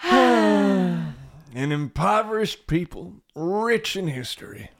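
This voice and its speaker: A man's voice: sits high, expressive, slow, full character voice. Man playing a folksy, swooping town drunk. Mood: folksy, rambling. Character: folksy middle-aged small-town drunk father, cheerful and dim. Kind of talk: comic audio drama acting.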